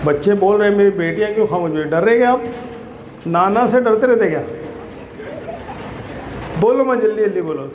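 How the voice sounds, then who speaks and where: A man's voice: high-pitched, animated, a little fast, long pauses, lo-fi sound, slight background noise. A man giving a motivational talk to schoolchildren at an outdoor school gathering, speaking in a fatherly way and quizzing the crowd. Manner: fatherly, calls listeners "beta", quizzes the crowd. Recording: roomy echo.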